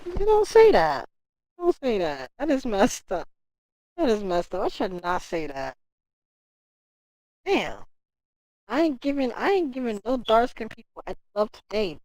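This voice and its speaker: A woman's voice: on the high side, unhurried, long pauses, no echo, low-quality recording. A woman livestreaming from home, ranting in casual talk, swearing and speaking straight to her chat. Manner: animated, profane ranting.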